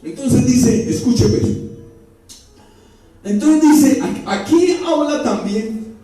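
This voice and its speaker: A man preaches a sermon, keeping it conversational and constantly asking his congregation questions. His voice sits very high yet sounds dark and mellow. It comes from well off the mic in a strongly reverberant hall, with faint music underneath. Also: expressive, slow pace. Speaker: pastor. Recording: very echoey church hall from far off, faint music.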